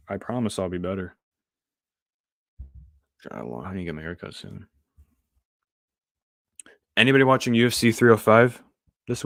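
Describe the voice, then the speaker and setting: A young man hosts a podcast stream in a relaxed, rambling way, reading out and answering viewer chat. His voice sits fairly low and often sinks into quiet, trailing asides. The sound is dry and close, with no room echo. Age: young adult. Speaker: podcast host. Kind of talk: casual live-stream chat.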